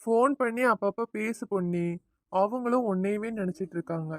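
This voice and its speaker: A woman's voice: mid-range voice, moderate pace, no room sound, clean studio sound, lightly acted. A woman voicing a devoted young husband in a family cartoon, affectionate with his wife and firm with his mother. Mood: tender.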